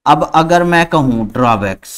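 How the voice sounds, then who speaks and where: A man with an Indian English accent teaching an online biology lesson, his voice a touch high. He moves unhurriedly, stretching English terms word by word and checking in with his students affectionately as he goes. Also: expressive, a bit bright. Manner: calls students beta, drags out English terms slowly. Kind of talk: online class lecture.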